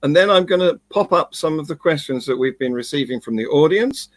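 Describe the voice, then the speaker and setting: A man hosting an online event, chummy and brisk with his guests. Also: a little high, animated, dry recording. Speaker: host.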